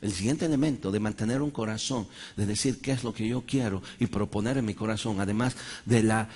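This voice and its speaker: A man's voice: on the low side, brisk, a little mellow, husky. A man preaching a sermon, emphatic and dramatizing Bible stories.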